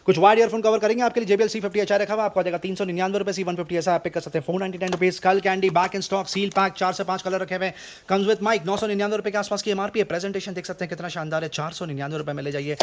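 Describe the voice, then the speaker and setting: Man, Indian accent, high-pitched, extremely fast, overeager teleshopping pitch, insistent shop presenter, repetitive sales phrases. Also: fairly even intonation, a little hiss or hum. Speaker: shop presenter selling discounted goods.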